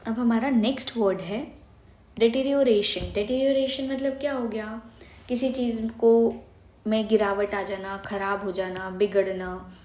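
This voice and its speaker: A woman's voice: on the high side, steady tone, a little slow, a little mellow, echoey room. A young woman teaching vocabulary for exam prep, explaining step by step and asking questions she then answers herself. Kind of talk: Hindi-English mixed vocabulary lesson.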